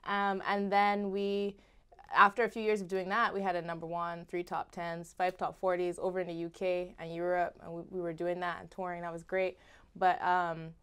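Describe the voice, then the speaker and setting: A woman's voice: lowish voice, little pitch movement, moderate pace, fairly bright tone, clear, resonant tone. A young Barbadian woman singer from Barbados, talking expressively as a guest in a casual interview. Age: young adult.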